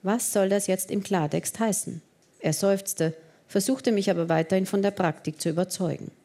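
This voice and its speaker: A woman narrating a romance novel in the first person, in a measured, expressive reading. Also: medium pitch. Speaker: audiobook narrator.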